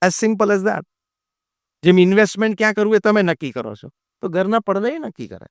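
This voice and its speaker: A man's voice: high-pitched, lively intonation, a little fast, creaky, dry recording, studio quality. A man giving a motivational sermon as a monk, mixing in English phrases and acting out quoted voices. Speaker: monk giving a religious talk.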